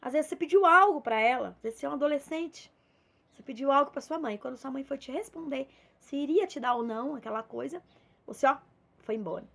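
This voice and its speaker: A woman's voice: sits high, quick pace, creaky, fairly bright tone. A young adult woman with a Minas Gerais accent, giving an informal devotional talk, telling a homely story and acting out bits of dialogue. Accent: Minas Gerais Portuguese. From Minas Gerais, Brazil. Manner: conversational, storytelling with acted dialogue. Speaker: preacher.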